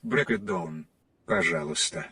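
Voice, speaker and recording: Man doing an earnest Russian-speaking student, short prompting questions, lively swinging pitch, gravelly edge, distant mic. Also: a little slow, no room sound, full character voice.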